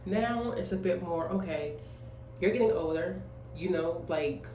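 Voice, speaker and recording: A young single mother, aged twenty-five, vlogs at home as she grooms, chatting casually and rambling with many fillers and emphatic asides. Her mellow voice is on the low side and a little slow. Faint noise and an echoey room come through, with her voice off-mic.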